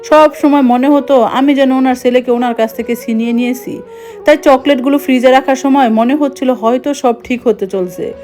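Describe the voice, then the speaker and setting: A woman telling a suspenseful first-person story in an even, hushed narrating voice. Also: sits high, normal speed, soft background music.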